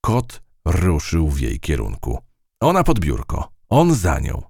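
A man narrating a children's storybook in an expressive, unhurried way. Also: a bass voice, gravelly, husky, no room sound, studio quality. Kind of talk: storybook reading.

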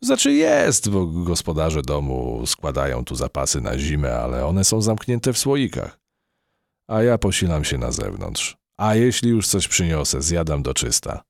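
A man voicing a thoughtful, measured male cellar rat in a storybook reading. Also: very deep voice, huge pitch swings, gravelly, no echo, studio quality, voice pushed down, heavily acted.

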